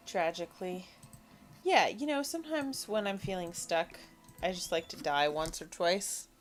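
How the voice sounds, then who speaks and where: A woman co-hosting a game stream, thinking aloud as she plays in a casual, wry, deadpan way. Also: lowish voice, a little slow, soft background music. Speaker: game streamer co-host playing the game. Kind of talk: casual live game commentary.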